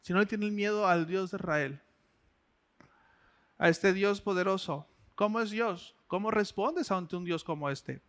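A man's voice: sits high, a little slow, fairly bright tone. A man preaching a sermon in a conversational way, asking the listener direct questions.

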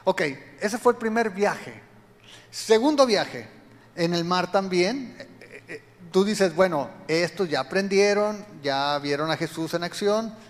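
A man delivers a sermon in a high voice, animated and acting out each voice he quotes. His voice rings with a long hall reverb. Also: a little slow. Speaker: preacher.

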